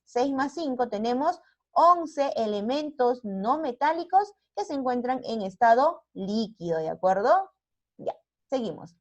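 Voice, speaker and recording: A woman's voice: fairly high pitch, darkish tone. Peruvian spanish teacher lady, keeps asking the kids questions, bit muffled lo-fi audio. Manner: asks the class rhetorical questions and keeps checking in with tag questions. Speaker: primary school teacher. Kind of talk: online science lesson.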